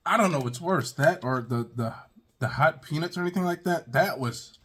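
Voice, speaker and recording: Husky man hosting a casual taste test. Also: a little high, moderate pace, a bit bright. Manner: exclamatory, talking directly to viewers. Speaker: video host.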